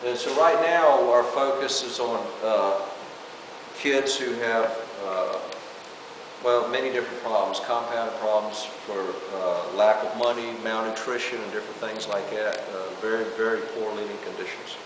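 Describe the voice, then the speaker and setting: A low-voiced man interprets a church talk into English, hesitating often with fillers as he translates. He is heard from a distance in a large, echoey church hall with long reverb. A clear hiss runs underneath. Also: moderate pace.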